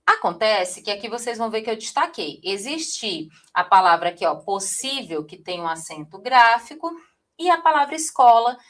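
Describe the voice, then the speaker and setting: Woman, from Brazil, online teacher, lively, talks straight to viewers, checks in often. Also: fairly high pitch, normal speed. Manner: lively, addresses viewers directly, frequent "tá?" check-ins. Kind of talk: live online class.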